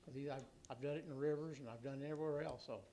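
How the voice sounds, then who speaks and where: A city official, a man with a hoarse yet mellow voice, gives a utility report to the city council, rambling and halting with many restarts and fillers. His pitch is medium, ordinary in register, and his intonation fairly even. A faint hum sits underneath.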